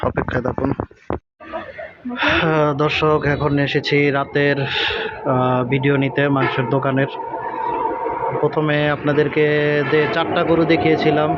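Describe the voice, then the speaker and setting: Bangladeshi man, on-location night vlogger, monotone and hushed at times, recorded on a phone with dull lo-fi audio and clear background noise. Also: medium pitch. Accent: Bangladeshi Bengali. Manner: talks quietly at times so as not to be overheard. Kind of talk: casual on-location vlog narration. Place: outdoors at night by a cattle shed and meat shop.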